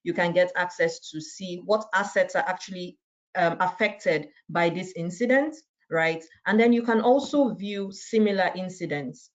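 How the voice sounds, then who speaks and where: Lady on a video call doing a webinar demo, lowish voice, muffled call audio, lots of "right?". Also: moderate pace. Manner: conversational, often tags sentences with "right?". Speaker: presenter. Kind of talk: webinar product walkthrough.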